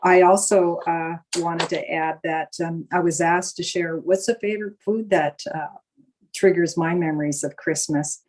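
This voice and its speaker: A woman's voice: on the low side, fairly even intonation, a little slow, a little mellow, poor audio. An older woman from Alaska hosting a live online gathering, speaking casually with many fillers as she shares stories. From Juneau, Alaska. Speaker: board director and panel host. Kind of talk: casual live-stream address.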